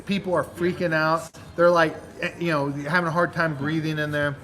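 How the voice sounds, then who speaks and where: A man hosting a channel, telling a long joke in casual storytelling style, animated and full of dramatic pauses. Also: on the high side, rough recording. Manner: animated, dramatic pauses, acts out crowd voices. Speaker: channel host.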